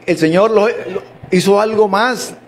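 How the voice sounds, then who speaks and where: High-voiced man preaching a sermon. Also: fairly even intonation. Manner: halting restarts, rhetorical questions.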